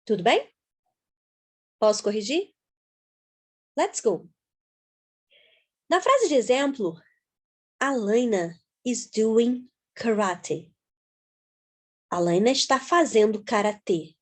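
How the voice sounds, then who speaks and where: Woman teacher, unhurried, patient, spells things out, slightly husky. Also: a little high, lively intonation. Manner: patient, spells words out letter by letter. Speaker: English teacher. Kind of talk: explaining grammar to viewers.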